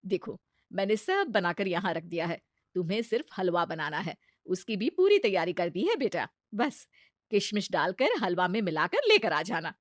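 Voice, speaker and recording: A woman playing a kind, patient middle-aged mother-in-law in a cartoon story, speaking gently and motherly. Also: lowish voice, big pitch swings, moderate pace, no echo, clean studio sound. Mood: guiding.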